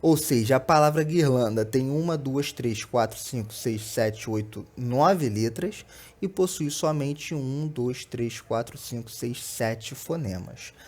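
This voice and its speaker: A man's voice: mid-range voice, unhurried, darkish tone. Brazilian male teacher explaining patiently. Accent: Brazilian Portuguese. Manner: explains patiently, with many checking tags like "tá?" and "né?". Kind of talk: recorded online lesson with slides.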